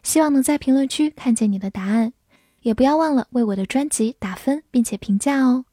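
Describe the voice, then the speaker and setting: A woman teaching English words in a scripted lesson, spelling them letter by letter and reading example sentences slowly for the listener to repeat. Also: high-pitched, warm tone, no room sound, studio quality.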